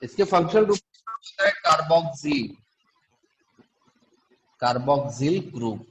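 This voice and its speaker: A man's voice: a little high, expressive, takes it slowly, slight background noise, poor audio. A man teaching a chemistry class, explaining step by step and quizzing his students. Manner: asks the class questions often. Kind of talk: classroom lecture.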